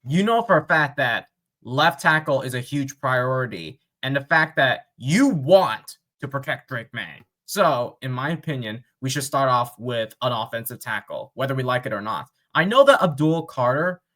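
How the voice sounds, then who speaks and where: A man hosting a sports fan vlog, thinking aloud in casual, unscripted commentary with pauses and fillers. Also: medium pitch, animated, fairly bright tone. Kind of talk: casual mock draft commentary.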